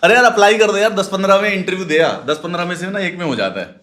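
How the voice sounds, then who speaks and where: A man guest in a casual talk, explaining things in a relaxed, easygoing way. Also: high-pitched, fast talker. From India. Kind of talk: casual chat.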